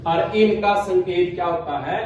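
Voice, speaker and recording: High-voiced teacher in echoey classroom. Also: male voice, unhurried, a little mellow, far from the mic, highs cut off, slight background noise. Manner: quizzing, repeats questions for the class. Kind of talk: classroom grammar lesson.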